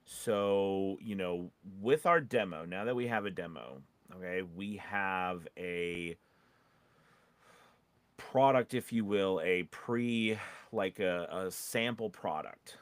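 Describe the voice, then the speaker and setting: A man with a fairly low voice, a podcast host and voice-over coach, talks casually through business advice. He's animated but halting, restarting often and checking in with short questions like "right?" and "okay?". The sound is very dry, with no room echo.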